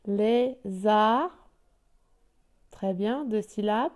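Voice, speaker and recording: Patient woman teaching reading slowly. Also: mid-range voice, dark tone. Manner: slow, patient, drawn-out word reading. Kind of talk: reading lesson for young children.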